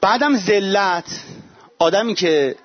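A man gives a religious sermon in a lively, conversational way with playful asides. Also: high-pitched. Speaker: preacher. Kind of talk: religious sermon to a live audience. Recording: dull lo-fi recording.

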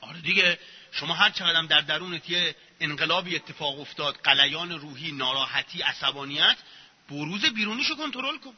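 A man's voice: fairly high pitch, steady tone, husky. A man giving an informal religious lecture, sarcastic and acting out mocking examples as he talks. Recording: muffled echoey hall recording.

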